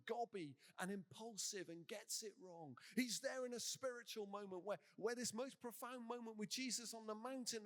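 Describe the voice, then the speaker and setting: A man, a bishop, preaching a sermon with lively, animated storytelling and humorous asides. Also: extremely high pitch. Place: church.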